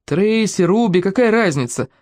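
A woman voicing a weary young man who stays calm and firm. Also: medium pitch, moderate pace, no echo, studio quality, voice pushed up, natural voice.

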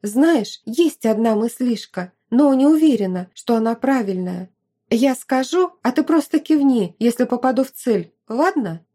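A woman reading an audiobook puts on an outspoken young woman, a protective friend who talks emphatically and won't stop, pitched a bit higher than the narration. The tone is mellow and warm, and the delivery is lively and talkative. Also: a little slow. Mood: anxious. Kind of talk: audiobook character voice.

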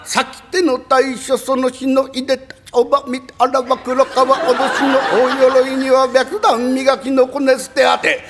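A man voicing a pompous male storyteller who recites a battle tale in a slow, drawn-out chant during a rakugo performance. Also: very high voice, completely flat delivery, background noise. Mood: grand declaiming.

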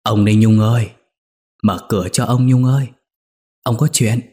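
A man's voice: fairly even intonation, moderate pace, mellow, close to an everyday voice. A man doing a lecherous old village chief. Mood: lecherous, coaxing. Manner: low, coaxing and commanding.

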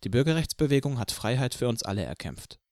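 A man narrating an audiobook in the first person, reading in a measured, even way. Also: mid-range voice, dry recording, studio quality.

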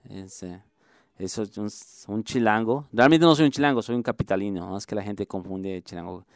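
Earnest Mexico City musician, smooth voice. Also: male voice, lowish voice, dry recording, studio quality. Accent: Mexico City Spanish. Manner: earnest, halting, many fillers and restarts. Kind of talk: radio interview.

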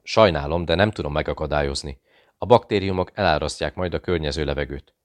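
A man voicing a calm, polite British man posing as a doctor, speaking in a courteous, conversational way. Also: a bass voice, no room sound. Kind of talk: audiobook dialogue.

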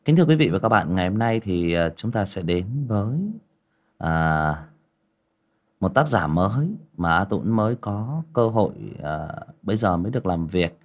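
Lively low-voiced male storyteller. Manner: chatty, lively, drawn-out storytelling delivery. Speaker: storyteller and channel host. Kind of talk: livestreamed story narration.

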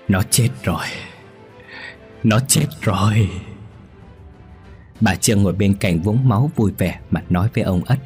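A man narrating a ghost story in a steady storytelling manner. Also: deep voice.

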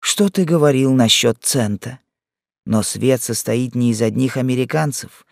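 A man's voice: medium pitch, moderate pace, creaky, a little mellow, no room sound, studio quality, pitched above the performer's own voice, close to an everyday voice. A man voicing a devoted young island wife, reading her lines in a raised, emotional, pleading way. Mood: eager. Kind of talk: audiobook character reading.

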